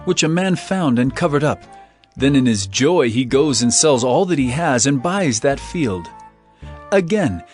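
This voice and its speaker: Jesus, an expressive earnest teacher. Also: male voice, mid-range voice. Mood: solemn, explanatory. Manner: measured, declamatory, emphatic phrasing. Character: Jesus, earnest male teacher telling parables. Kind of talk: dramatized scripture reading.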